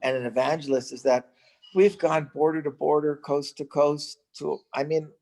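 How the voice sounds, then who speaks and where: A middle-aged man, a missionary and evangelist, telling a personal story in casual chat, halting with restarts and fillers. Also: fairly high pitch, fairly even intonation, a little mellow.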